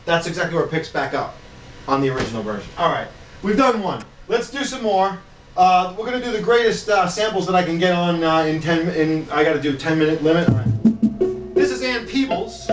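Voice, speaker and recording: A man's voice: fairly high pitch, animated, a little fast, distant mic. A man DJ chatting loosely through a countdown of records, with asides and fillers. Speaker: DJ presenting hip-hop samples. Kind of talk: casual commentary over records. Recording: roomy, off-mic, music behind. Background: music playing.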